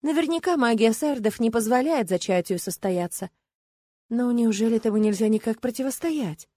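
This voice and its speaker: A woman reading a first-person romance audiobook in an expressive, ironic way. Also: fairly high pitch, normal speed, dry recording. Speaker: audiobook narrator.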